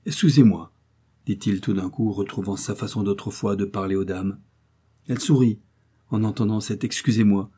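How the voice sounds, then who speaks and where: A man narrating a literary story in measured, expressive tones. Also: on the low side, breathy edge. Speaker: audiobook narrator.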